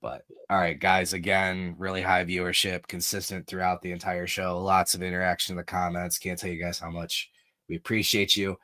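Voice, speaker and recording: A chatty podcast host with a fairly low male voice. He rambles through sports analysis in a relaxed, self-deprecating way and slips into promo plugs. The sound is dry and close, with no room around it. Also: a little fast, no echo. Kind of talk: casual sports podcast chat.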